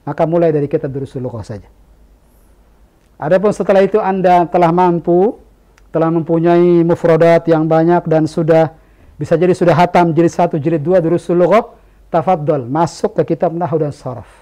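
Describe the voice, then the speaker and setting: A man with a notably high voice giving a religious study lecture. He teaches by constantly quizzing the room with rhetorical questions and answers them himself. His delivery is emphatic and animated. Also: brisk. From Indonesia. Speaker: Islamic teacher.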